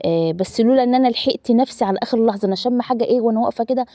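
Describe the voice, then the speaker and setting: A woman's voice: on the high side, very fast, mellow, dry recording, clean studio sound. A woman in her thirties with an Egyptian Arabic accent, chatting casually to viewers while narrating her cooking, with lots of fillers. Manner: chatty, addresses viewers as loved ones, frequent fillers. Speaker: family vlogger.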